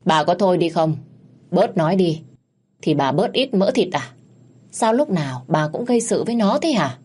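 A woman's voice: fairly low pitch, very animated, moderate pace, a little mellow, slightly rough. A woman voicing a stern old father-in-law who reproaches his wife in a storytelling recording. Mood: reproachful.

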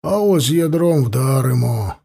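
A man's voice: medium pitch, lively intonation, slow, creaky, dark tone, breathy edge, full character voice. A man doing a sturdy Cossack gunner with a Ukrainian accent. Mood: busy, eager. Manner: plain-spoken, dialect-heavy speech. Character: sturdy bald middle-aged Cossack gunner.

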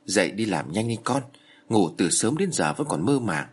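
A man's voice: on the low side, sing-song, breathy edge. A man voicing a nagging middle-aged mother. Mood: scolding. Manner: scolding, brisk nagging. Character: nagging middle-aged mother scolding her grown child.

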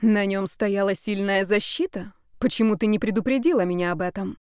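Brief: female narrator playing a scheming witch, slow sly purr, dry close sound. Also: medium pitch, fairly even intonation, smooth, dry recording, lightly acted. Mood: curious. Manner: slow, soft, insinuating. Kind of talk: audiobook reading.

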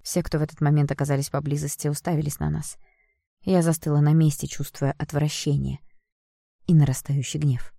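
A woman narrating a first-person audiobook in an expressive storytelling manner. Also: sits low, a little fast, gravelly, no echo, clean studio sound.

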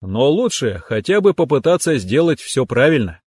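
A man narrating a first-person novel with steady, measured delivery at a middling pitch. The recording is dry and close on the mic, with no room sound. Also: breathy edge, no room sound. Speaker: audiobook narrator.

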